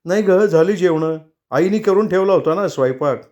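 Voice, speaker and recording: Angry young husband in a storybook, voiced by a male reader, curt and sharp, pitched well above the reader's own voice. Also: lively intonation, normal speed, highs cut off. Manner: sharp and raised in anger.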